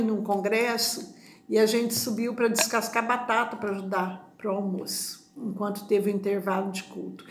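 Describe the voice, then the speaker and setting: Animated woman pastor, echoey room. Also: fairly high pitch. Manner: animated storytelling with quoted dialogue. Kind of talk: testimony sermon.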